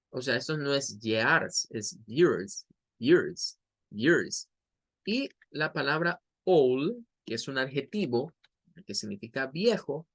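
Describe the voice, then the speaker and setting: A man with a Latin American Spanish accent and a medium-pitched, fairly bright voice teaches a recorded online English lesson. He explains patiently and repeats words slowly so learners can practice.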